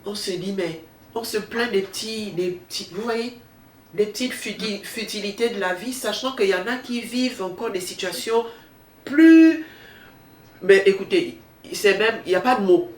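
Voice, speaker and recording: Lady book host w thin reedy nasally voice, stumbles n repeats herself, echoey room, bit of hiss. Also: mid-range voice. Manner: halting, repeats phrases for emphasis. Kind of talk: unscripted book discussion. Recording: roomy echo, distant mic, faint noise.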